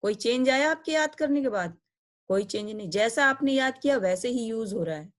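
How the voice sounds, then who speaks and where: A woman teaching an online Sanskrit grammar lesson, patiently explaining step by step and reciting verb endings slowly and deliberately. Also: fairly high pitch, expressive.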